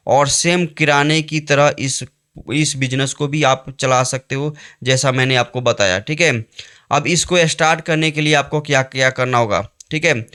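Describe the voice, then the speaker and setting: Man, informal explainer, slightly high voice, repetitive, faint background music. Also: fairly bright tone, smooth. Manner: chatty, repeats "okay" and "friends"; restarts and repeats phrases. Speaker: business advice presenter.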